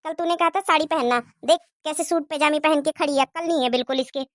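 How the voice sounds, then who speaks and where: Bossy cartoon mother-in-law , played by a woman, nagging and taunting. Lower than the performer's own high voice, dry recording. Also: quick pace, no echo, lightly acted. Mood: scolding.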